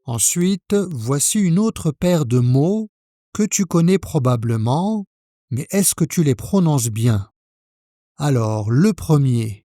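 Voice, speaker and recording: A man from France teaching French pronunciation, speaking slowly and carefully, spelling out each sound for the learner. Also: a little high, lively intonation, mellow, dry recording, clean studio sound. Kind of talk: pronunciation lesson.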